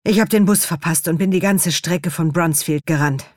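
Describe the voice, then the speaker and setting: A cheerful young man with a lively, questioning tone, teasing and friendly, as a woman reads him. The voice stays fairly low and the recording sounds close and dry, like a storybook reading. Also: moderate pace, dry recording, lightly acted.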